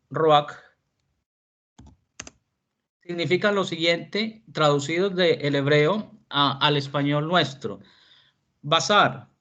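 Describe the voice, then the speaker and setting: A man teaching a philosophy class over a video call, explaining slowly and checking in often with the students. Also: a little high, fairly bright tone, lo-fi sound. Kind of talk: online class lecture.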